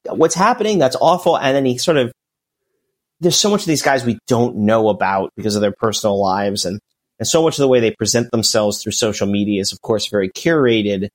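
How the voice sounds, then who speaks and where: On the low side and brisk, this man's voice rambles through casual sports podcast chat as a co-host. He talks at length, keeps restarting, and leans heavily on "you know" and other fillers.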